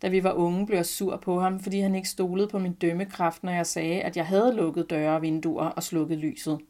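A woman reading her own first-person story aloud in a calm, quiet, reflective manner. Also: lowish voice. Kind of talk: scripted first-person narration.

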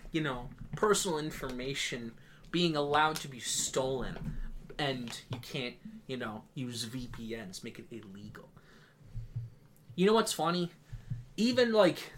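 Young guy on a podcast, middle pitch, snarky, keeps laughing, bit of hiss behind. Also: fairly bright tone. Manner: laughs often, sarcastic asides, many "like" fillers. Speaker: podcast co-host. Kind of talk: casual chat.

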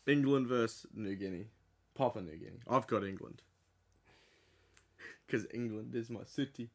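A man's voice: mid-range voice, moderate pace, gravelly. An Australian man co-hosting a podcast, bantering casually with a friend in a blokey, sweary, teasing way. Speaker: podcast co-host.

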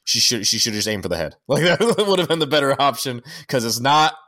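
A man's voice: medium pitch, lively intonation, a little fast, sharp tone. A man co-hosting a casual podcast, rambling with lots of fillers and restarts, swearing freely. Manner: firearms-nerd critiques. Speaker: podcast co-host. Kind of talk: casual chat.

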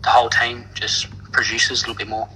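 Blokey Australian man, harsh bright voice. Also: medium pitch, completely flat delivery, fairly quick, long reverb tail, a little hiss or hum, rough recording. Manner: blokey, slangy. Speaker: club cricketer phoning in as interview guest. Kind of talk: casual, laid-back Aussie bloke chat.

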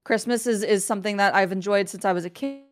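A woman's voice: medium pitch, quick pace, music in the background. A woman speaking over a video call as guest on a faith livestream, talking in an earnest, candid way with many fillers and reading scripture aloud. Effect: heard over a video call connection.

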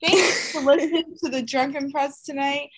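A woman's voice: high-pitched, fairly even intonation, normal speed, fairly bright tone. A tipsy young woman co-hosting a podcast, reacting chattily and signing off the show. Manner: chatty, laughing reactions and sign-off. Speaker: podcast co-host. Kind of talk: casual chat.

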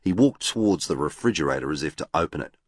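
Male audiobook narrator, very low voice, formal and deadpan first-person reading. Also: quick pace, no echo, clean studio sound.

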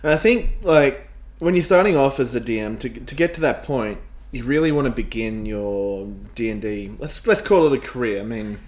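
A man's voice: mid-range voice, lively intonation, moderate pace, a little mellow. A man co-hosting a casual podcast chat as the game master, talking cheerfully with lots of fillers and giggles.

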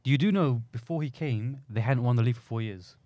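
A man's voice: medium pitch, brisk, dark tone, dry recording. A man with an urban London accent arguing football casually, in an insistent, slangy way. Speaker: football podcast guest.

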